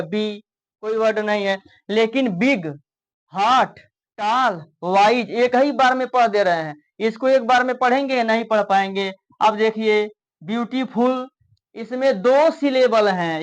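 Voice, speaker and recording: A man teaching a grammar lesson with a Hindi accent, explaining step by step and slowing down to spell out example words. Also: extremely high pitch, poor audio.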